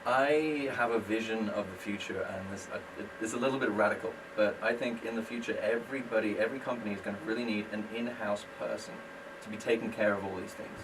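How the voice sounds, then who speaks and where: The speaker is a British man, a business owner appearing on a radio talk show, explaining his work with friendly self-deprecation. He talks quickly in a lowish, fairly even voice, and the distant mic picks up a noisy background.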